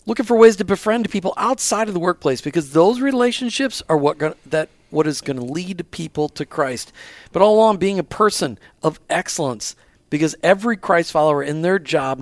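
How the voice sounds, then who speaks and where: A man's voice: on the high side, dry recording. A man hosting an interview show on location, talking in an enthusiastic, chatty way. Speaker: show host.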